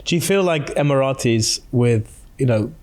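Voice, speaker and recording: Podcast host guy in his 40s, mid pitch, friendly, pushes with questions. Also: animated, normal speed, a little mellow. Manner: friendly, probing, promotional in the ad read. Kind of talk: interview questions and ad read.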